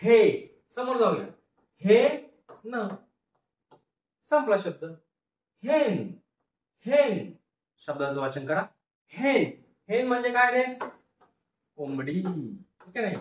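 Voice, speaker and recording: A male teacher with a Marathi accent giving a phonics reading lesson, drawing out syllables slowly and asking questions that he answers himself. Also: high-pitched, very animated, echoey room, recorded from a distance. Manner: slow, drawn-out syllables, repeats and drills words.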